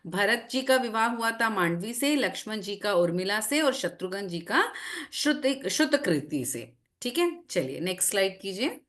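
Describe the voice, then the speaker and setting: A woman teacher telling a story to children over a video call. Her pitch rises and falls a lot, and she keeps asking the class questions and checking that they are following. The sound is plain call audio. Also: normal speed. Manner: lively, checks in often with the class.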